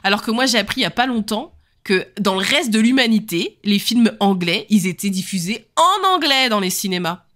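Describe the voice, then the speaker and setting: A woman in her thirties from Lorraine, France, speaks with a Lorraine French accent as she co-hosts a relaxed podcast. Her voice has a mid pitch for a woman. She tells stories with lively, animated energy. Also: brisk, few pauses. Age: 30s. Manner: lively, animated storyteller who laughs often. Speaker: podcast co-host. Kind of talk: casual chat.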